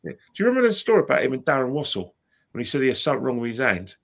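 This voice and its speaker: Man, fast, gravelly voice, casual football chat, excitable. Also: mid-range voice.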